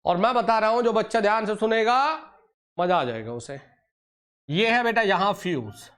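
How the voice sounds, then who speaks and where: In an online exam-prep lecture, a man with a smooth, expressive, fairly bright voice that sits high takes an affectionate, teacherly tone. He addresses students as "beta" and "pyare bachche," scolds and coaxes them, and drags out key terms slowly to stress them.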